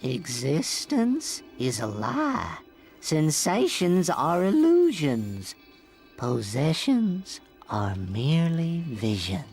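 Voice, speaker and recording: Smug game mystic, lofty and grand, very slow, voice swooping wide, game clip over music. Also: male voice, fairly high pitch, huge pitch swings, darkish tone, heavily acted. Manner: slow, sweeping, grandiose delivery. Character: pompous mystic alien sage, grandiose and smug.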